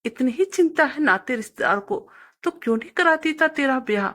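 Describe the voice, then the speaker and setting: Woman doing an old stubborn village mother, raised, gravelly, husky, scolding tone, storybook read-aloud. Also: medium pitch, very animated, a little slow, bright, forceful tone, heavily acted. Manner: pleading, scolding. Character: poor elderly village mother, stubborn, tearful.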